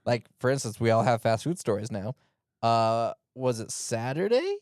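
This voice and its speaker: A young man co-hosting a casual chat, telling a lively story and mimicking other voices. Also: mid-range voice, moderate pace, no room sound, clean studio sound. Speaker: podcast co-host.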